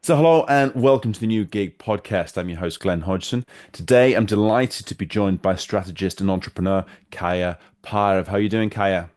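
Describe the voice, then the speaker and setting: Low-voiced man hosting a podcast. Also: moderate pace, few pauses, darkish tone. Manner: rambling questions with repeated restarts. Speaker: podcast host. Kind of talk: interview hosting.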